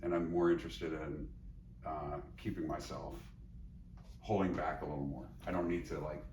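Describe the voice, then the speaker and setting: This deep-voiced man is a psychologist and teacher appearing as a podcast guest in a reflective interview. He speaks at a normal speed with fairly even intonation and a slightly mellow quality, thoughtful and meandering with lots of fillers and restarts. The mic sits at a distance in an echoey room, with faint noise.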